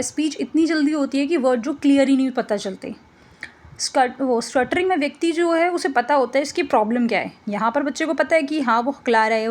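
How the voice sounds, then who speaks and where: A woman's voice: sits high, a little mellow. A woman teaching an exam-prep lesson, explaining slides casually and often checking in with "ठीक है". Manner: casual explanatory, mixes English terms, frequent "ठीक है" check-ins.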